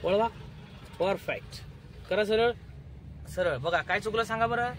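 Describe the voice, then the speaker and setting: A man giving a driving lesson from the passenger seat, calling out brisk step-by-step commands. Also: high voice, a little hiss or hum. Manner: instructive, repeats steps, brisk commands. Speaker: driving instructor. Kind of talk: in-car driving lesson vlog. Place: inside a car in city traffic.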